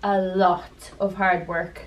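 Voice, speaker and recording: A woman's voice: fairly low pitch, level tone, slow. A young woman, co-owner of a beauty business, chatting casually through a Q&A and leaning on "you know" and "like". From rural Ireland. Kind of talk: casual Q&A chat. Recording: slightly distant mic with faint noise.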